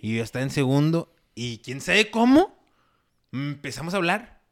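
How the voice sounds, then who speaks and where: A young man with a Mexican accent telling a story in casual podcast chat, full of slang and halting restarts. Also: on the high side, big pitch swings. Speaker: podcast co-host.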